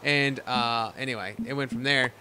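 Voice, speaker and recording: Young guy doing a let's play, rambly chatty talk, sharp bright voice. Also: mid-range voice, steady tone, normal speed, a little hiss or hum. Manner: rambling, chatty, full of fillers. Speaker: gaming channel host. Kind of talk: casual let's-play commentary.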